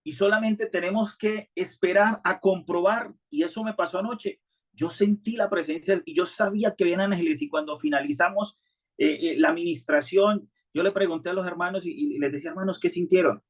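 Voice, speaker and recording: A man preaches a sermon to his congregation. His voice sits a little high for a man, and he talks in an earnest, conversational way, often restarting his sentences. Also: a little fast. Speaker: pastor.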